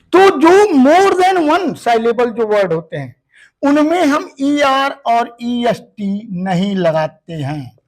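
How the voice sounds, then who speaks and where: A male teacher going through a grammar lesson at a slow, unhurried pace. His pitch moves up and down a lot as he stresses words and repeats them aloud for his students to practice. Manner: explains step by step, addresses students as "beta".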